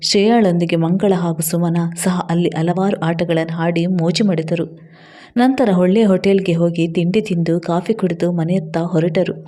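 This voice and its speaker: Mellow-voiced woman reading a story. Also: lowish voice. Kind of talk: scripted story narration.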